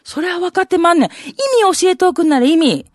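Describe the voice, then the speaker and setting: A woman's voice: very high voice, fast talker, no room sound, studio quality, voice pushed up. A woman with a Kansai accent voicing a naive, uneducated man in rakugo, eagerly pestering with questions. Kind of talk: rakugo storytelling.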